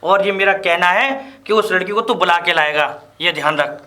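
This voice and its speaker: Stern village father figure, played by a man, lecturing, high and very bright voice. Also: moderate pace. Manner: lecturing, keeps asking "understood?". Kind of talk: amateur web drama acting.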